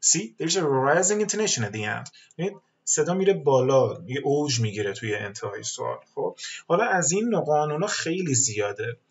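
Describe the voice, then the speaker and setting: A man teaching a webinar lesson on an English exam, who explains patiently, mixes English terms into his talk and often pauses on fillers, and who speaks English. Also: a little high, animated, muffled recording.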